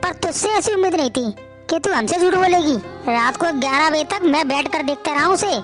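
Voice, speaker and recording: A woman's voice: sits high, expressive, brisk, a bit bright, faint music behind. A woman voicing an older father-in-law who lectures firmly and protects his daughter-in-law. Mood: stern. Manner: firm and lecturing.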